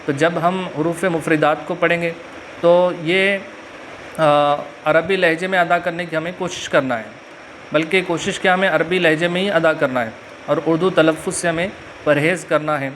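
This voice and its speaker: A man with a Pakistani Urdu accent teaching a religious lesson and stretching out letter sounds slowly, with filler pauses. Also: a little high, fairly even intonation, fairly bright tone, a little hiss or hum. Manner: slow drawn-out letter recitation with frequent filler pauses. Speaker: Quran reading teacher. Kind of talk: religious lesson with Arabic invocations.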